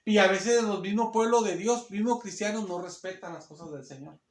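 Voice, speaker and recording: Guy preaching a sermon, really high voice, echoey church room, gets fired up. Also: moderate pace. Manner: fervent, repetitive, addresses the sisters. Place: church hall.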